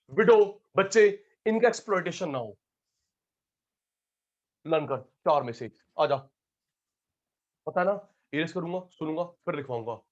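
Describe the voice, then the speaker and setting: High-voiced joking male teacher. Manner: calls students by name, joking, drills terms. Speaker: economics teacher. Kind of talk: online class lecture. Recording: dull lo-fi audio.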